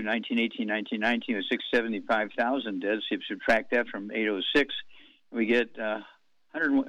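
A man's voice: fairly low pitch, no room sound. Rambling older man on lo-fi radio. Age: 80s. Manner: rambling, slow, reads out figures with many fillers. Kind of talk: talk radio monologue. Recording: dull lo-fi radio sound.

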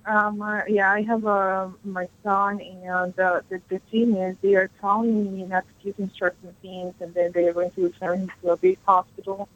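A woman's voice: mid-range voice, level tone. Faint woman caller, phone held away. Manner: hesitant, halting, many fillers. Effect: phone held away from the mouth, faint and hard to hear. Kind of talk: call-in question to a radio host. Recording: dull, muffled phone line.

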